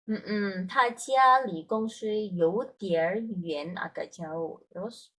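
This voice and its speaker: A woman's voice: medium pitch, slow, sharp tone. A woman tutoring Mandarin, explaining patiently and often checking that her student follows. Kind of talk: online language lesson.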